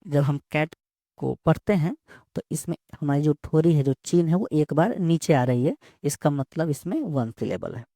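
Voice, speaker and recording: Teacher guy, talks real slow, kinda high but gravelly, repeats himself, dry close mic. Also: expressive, dark tone, dry recording. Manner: slow, repeats words and phrases while explaining. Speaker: English teacher. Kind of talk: bilingual lesson explanation.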